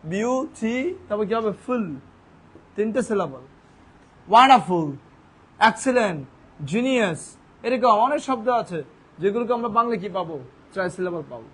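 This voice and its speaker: A man's voice: high voice, fairly bright tone, slightly rough. A man teaching English grammar, asking questions and answering them himself while sounding out words syllable by syllable. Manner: speaks in an informal classroom way. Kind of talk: classroom-style grammar lesson.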